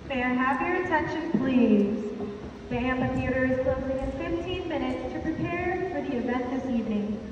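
Woman, venue announcer on a public address loudspeaker. Formal and polite. Fairly high voice, dull lo-fi sound, outdoor noise clearly audible. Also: lively intonation, normal speed. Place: outdoor amphitheater. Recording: echoey, dull loudspeaker from far off.

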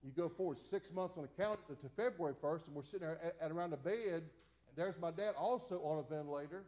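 Here a man in his forties, a pastor, preaches a Bible study from a small church's pulpit in a mellow voice pitched on the high side. His manner is folksy and repetitive, with stammered restarts and many "amen"s.

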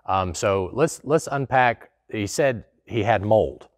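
A middle-aged man hosts a casual explainer to camera from a small studio with a plain wall behind him. He answers a viewer's question in a folksy, conversational manner. His voice is on the low side, his pace slow, and the recording dry.

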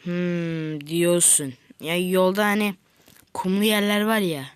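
Excitable woman doing game commentary. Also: on the low side, slow, smooth, no echo. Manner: excitable, scolds the game, slangy outbursts; chats with viewers, drifts into mutters and whispers. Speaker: gaming video creator. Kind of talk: mobile game let's play commentary.

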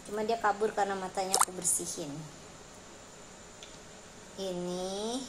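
A woman's voice: unhurried, reverberant, background noise. A woman vlogging casually at home, cooing and baby-talking to her cats. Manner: coos and baby-talks to her cats, high and animated. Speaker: pet vlogger.

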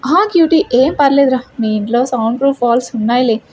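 A woman's voice: high-pitched, fast, darkish tone, a little hiss or hum, close to an everyday voice. A woman voicing a teasing brotherly young man. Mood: playful. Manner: playful, joking, affectionate teasing.

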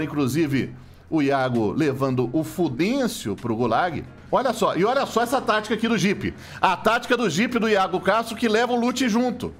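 A man with a Brazilian Portuguese accent giving joking, mock sportscaster commentary over video game footage. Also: high-pitched. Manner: joking, playful, animated play-by-play. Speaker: gameplay commentator.

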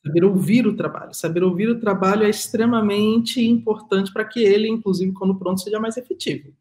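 A middle-aged woman artist joins a panel discussion by video call, her mid-range, darkish voice moving a little fast through a webcam mic. Reflective yet emphatic, she keeps coming back to her key phrases.

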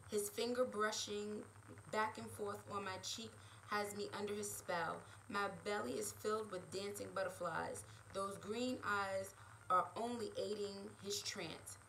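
A woman author reading her own romance novel aloud in a steady, expressive way. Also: medium pitch, unhurried, a little hiss or hum, poor audio.

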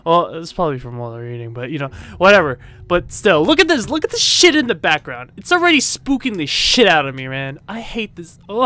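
A man's voice: a little high, sharp tone. A man hosting a horror game playthrough in jumpy, self-mocking, swearing chatter. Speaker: gaming video host. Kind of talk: casual horror game let's play. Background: faint game music.

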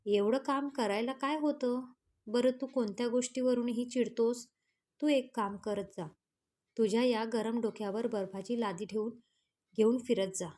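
A woman voicing a feisty, sharp-tongued young wife in a storybook romance, scolding and teasing her husband. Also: on the high side, steady tone, normal speed, lightly acted.

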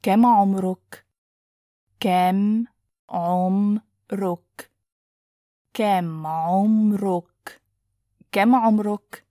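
A woman language teacher says phrases with great care and very slowly, then repeats them one word at a time. Her voice is soft and mellow. The sound is dry and close, with no room echo. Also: medium pitch, steady tone. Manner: clear, deliberate, splits phrases into single words. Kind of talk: slow word-by-word pronunciation drill.

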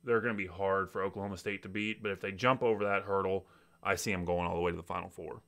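A man with a low, bright and clean voice, chatting casually about sports picks as a podcast co-host. He talks in a laid-back way, with plenty of fillers. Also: fairly even intonation, quick pace, creaky. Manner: laid-back, laughs easily, hesitant fillers.

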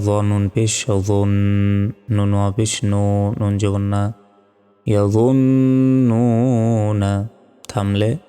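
A man teaching Quran reading, spelling out the Arabic letter by letter in a slow, deliberate drill between drawn-out chanted recitations. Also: lowish voice, dark tone, smooth. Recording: long hall reverb with faint music.

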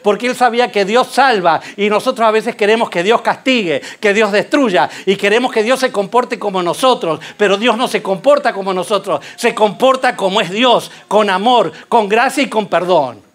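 A man preaching a sermon, telling a Bible story with rhetorical questions and lively storytelling. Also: sits high, moderate pace, few pauses.

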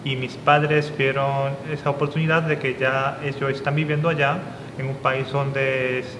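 A man's voice: mid-range voice, level tone, normal speed, echoey room, big-room sound, noisy background. A young man from South Korea, a guest in a casual interview, talking thoughtfully and often restarting his sentences. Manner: thoughtful, with frequent restarts and fillers. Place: studio with dark curtain backdrop.

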